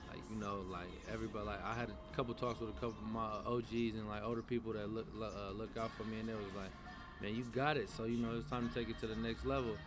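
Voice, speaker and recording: Laid-back young Bay rapper. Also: male voice, lowish voice, steady tone, fast. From San Francisco Bay Area. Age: 20s. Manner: laid-back, loose slang, many fillers and restarts. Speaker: rapper guest. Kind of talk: casual interview chat.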